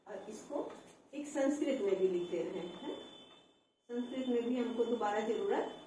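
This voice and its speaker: A woman's voice: on the high side, expressive, moderate pace, dark tone, slight background noise. A woman teaching children their counting, often asking a question and then answering it herself, with a frequent "है ना?". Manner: repeats "है ना?" often, asks and answers own questions. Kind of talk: classroom lesson for children. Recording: echoey distant room recording.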